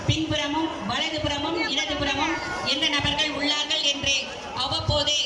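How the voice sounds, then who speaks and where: A police announcer making a formal, measured public safety announcement over an outdoor loudspeaker at a crowded temple festival. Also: high-pitched. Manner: formal, measured, even delivery. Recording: echoey loudspeaker amid festival crowd noise.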